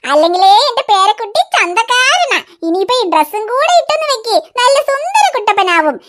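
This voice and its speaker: Woman doing a fussy old grandmother, very high. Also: noisy background. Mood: coaxing. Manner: coaxing, scolding, self-pitying. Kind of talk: cartoon voice acting.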